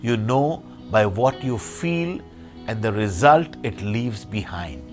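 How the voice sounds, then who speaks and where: A man's voice: fairly low pitch, expressive, soft background music. Man preaching at a pulpit microphone. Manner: measured, phrase-by-phrase delivery with rhetorical questions and lists; slows and softens to a hushed guided meditation. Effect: speaking at a pulpit microphone. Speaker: priest. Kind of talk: sermon.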